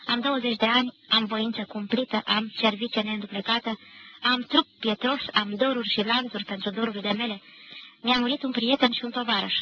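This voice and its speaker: A woman giving a measured, grave literary reading of a novel, from a 1990 radio archive recording. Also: fairly high pitch, steady tone, pushed and bright, lo-fi sound, slight background noise. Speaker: reader.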